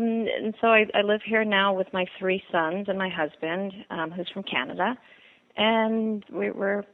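Speaking over a phone line, a Bahamian woman shares her personal story as an interview guest. Her mid-range voice is gravelly, and she comes across as earnest but halting, full of fillers and repetitions.

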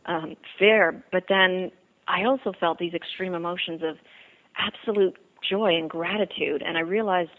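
With a fairly low, creaky voice, a woman from the Bahamas tells her own story in an interview over the phone. Her manner is earnest and faltering, marked by fillers and repeats.

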